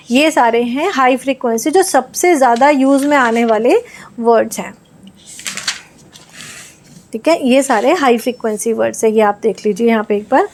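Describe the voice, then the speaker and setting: High-voiced woman teaching phonics. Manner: patient, sounds out letters slowly one by one. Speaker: English reading teacher. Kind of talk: explaining phonics lesson.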